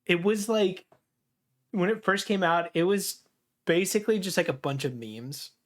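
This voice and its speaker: A young man with a slightly high voice talks in a loose, laid-back way, filling his speech with "like" and "dude." He grumbles his opinions in easy conversation with a friend on a livestream. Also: moderate pace. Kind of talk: casual chat.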